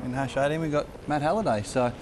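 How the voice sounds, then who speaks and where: A man, a racing driver guest, answering in a measured, easygoing way with fillers. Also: on the high side, noisy background. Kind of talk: television interview.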